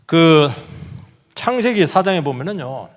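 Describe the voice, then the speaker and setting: A man's voice: fairly high pitch, sing-song, measured pace. A man, a pastor, preaching a sermon, with rhetorical questions and acted-out quotes. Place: church sanctuary. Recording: long church hall reverb.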